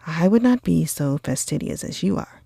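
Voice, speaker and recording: A woman voicing a lively, friendly young gentleman in an animated, breathy ASMR role-play of a classic storybook. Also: fairly low pitch, slow pace, no echo, studio quality, heavily acted. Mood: enthusiastic.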